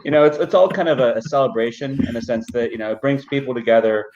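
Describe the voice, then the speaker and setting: The founder of an Armenian spirits company chats loosely in a live online session, his speech heavy with "you know" fillers. His medium-pitched, slightly mellow voice moves fast over dull lo-fi audio with slight background noise.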